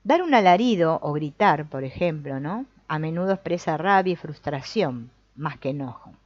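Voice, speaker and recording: A woman's voice: low voice, expressive, moderate pace, dry recording. A woman leading a family constellations group, reading from a book and commenting reflectively, often checking in with the group. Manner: reflective, often adds a questioning "no?" or "mm?". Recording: dull lo-fi, dry sound.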